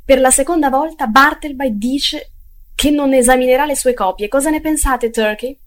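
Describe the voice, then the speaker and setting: A woman's voice: fairly high pitch, expressive, normal speed, a little mellow. A woman voicing an exasperated male lawyer who questions his clerks in a raised, insistent voice.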